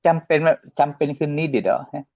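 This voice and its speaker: A man's voice: fairly high pitch, lively intonation, a little fast, dry recording. Man, student, hesitant, word-searching, dry lo-fi call. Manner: hesitant, searches for words, mixes languages. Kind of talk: casual questions in class.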